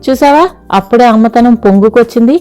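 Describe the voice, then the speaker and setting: A woman's voice: fairly high pitch, a little fast, warm tone, soft background music, natural voice. A woman voicing a headstrong young daughter who talks in a petulant, teasing way, read in a storybook narration.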